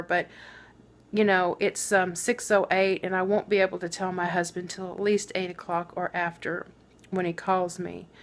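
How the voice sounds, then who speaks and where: A woman recording a personal video diary, speaking in a subdued, halting way with many pauses while holding back tears. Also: on the low side. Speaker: vlogger.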